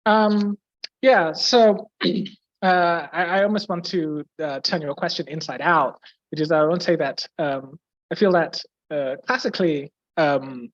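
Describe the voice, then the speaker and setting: A guest physicist from Brazil with an English accent explains physics in a Q&A. His voice is a little high and unhurried, and he sounds hesitant, using many fillers and restarts and clearing his throat often. The audio is dull, with no room sound.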